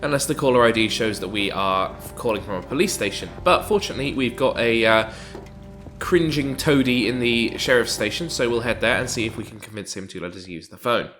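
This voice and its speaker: With game music playing faintly behind him, a man talks at a slightly fast pace in a mid-range, somewhat bright voice that's stuffy from hay fever. As a let's play host, he reads the game's text aloud and keeps up a wry, chatty running commentary.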